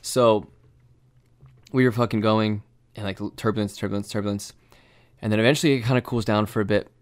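Young guy ranting a story, lowish voice, lots of likes and swearing. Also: fairly quick. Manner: animated, lots of filler and swearing. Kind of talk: casual storytelling chat.

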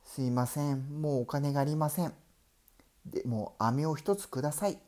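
A man voicing a weak young ghost woman in a Japanese storybook tale, pleading softly. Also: on the high side, moderate pace, natural voice. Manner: soft, faint pleading.

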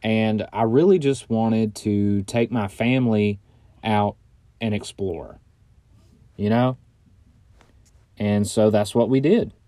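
Podcast host, male, warm and mellow tone, recording inside a closet with a flat, dry sound, chatty and joking. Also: fairly low pitch, takes it slowly, long pauses, no echo. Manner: loose, chatty and joking, with frequent fillers and mild swearing. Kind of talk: casual rambling solo podcast chat. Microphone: close studio mic, audio only.

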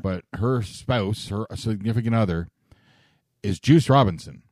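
Male podcast co-host, somewhat low voice, casual, laughs easily, short agreeing replies. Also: measured pace, a little mellow, no room sound, clean studio sound. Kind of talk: casual chat.

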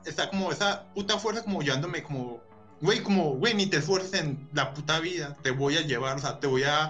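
A man's voice: on the high side, sharp tone. A Colombian man chatting casually as a guest, rambling with many fillers. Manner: rambling, filler-heavy, earnest. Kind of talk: casual chat.

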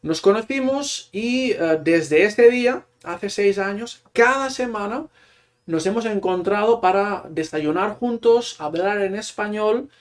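This man, a Spanish teacher from Catalonia whose mother tongue is Catalan, chats casually as an interview guest. High-voiced and unhurried, he gives long, relaxed explanations full of fillers.

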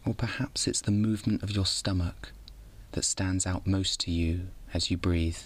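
A man narrating a bedtime guided meditation as host, like a sleep story narrator, in a calm, soothing, unhurried way. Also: deep voice, breathy edge.

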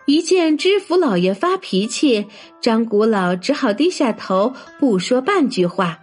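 Lively high-voiced woman storyteller. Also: a little slow, breathy edge, soft background music. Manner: lively, expressive. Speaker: children's storyteller. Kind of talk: storybook narration.

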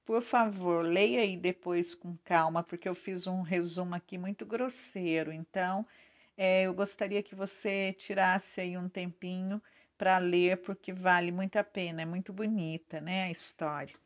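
A woman with a Brazilian Portuguese accent giving a devotional talk straight to the viewer, earnest and deliberate, drawing out her key words and often checking in with "né?". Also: on the low side, fairly even intonation. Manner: slow, earnest, drawn-out emphasis, frequent "né?". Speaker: preacher.

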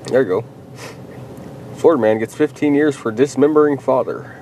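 A man's voice: mid-range voice, normal speed, crowd noise, rough recording. A man co-hosting a casual podcast, reading news headlines aloud and laughing often. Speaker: podcast co-host. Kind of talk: casual chat.

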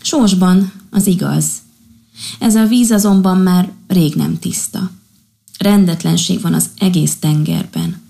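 A woman voicing a kind, tired little female sea doctor who gently scolds her patients in a storybook. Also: on the low side, sing-song, gravelly. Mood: gentle, caring.

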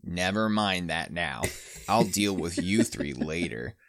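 A man's voice: low-pitched, expressive, slow pace, a bit bright, voice pushed down, full character voice. A man playing a stern, scolding chaperone. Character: stern angry adult chaperone. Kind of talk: comic read-aloud voice.

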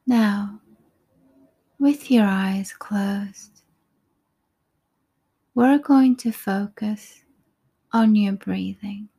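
This meditation guide talks in a soft, almost whispered mid-range voice, mellow and often creaky. She moves through the breathing exercise extremely slowly and soothingly, leaving peaceful gaps after each brief phrase.

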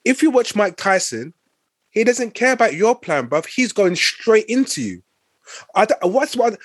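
A man with a London accent pushes his point in casual debate, insistent and repetitive. His voice is high and lively with a raspy grain, in a dry recording. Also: measured pace, no room sound. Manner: insistent, repeats himself to hold the floor. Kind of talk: casual debate among friends.

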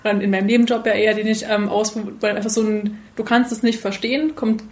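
A woman's voice: mid-range voice, steady tone, fast. A young woman talking as a guest on a podcast, speaking casually and thoughtfully with some hesitations. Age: young adult.

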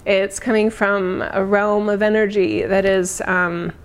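Woman spiritual guide just talking, reflective, mid pitch, kinda halting and off the cuff. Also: steady tone. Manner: conversational, reflective, halting unscripted phrasing. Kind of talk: informal spiritual talk.

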